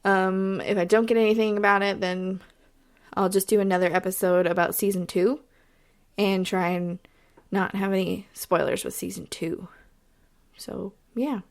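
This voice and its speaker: Texan woman, podcast host, casual rambling talk, mid pitch, hiccups. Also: flat delivery, normal speed. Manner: chatty, rambling, lots of fillers. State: has the hiccups. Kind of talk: casual solo podcast review.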